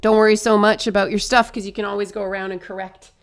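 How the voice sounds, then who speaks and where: A young woman chatting her way through a face painting tutorial, upbeat and a little hoarse. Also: medium pitch, flat delivery, fast talker. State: slightly hoarse.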